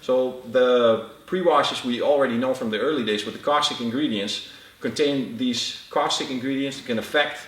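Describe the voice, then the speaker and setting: Halting man explaining products, roomy and distant. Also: mid-range voice. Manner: halting, with frequent uh fillers. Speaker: product expert. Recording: roomy echo, off-mic.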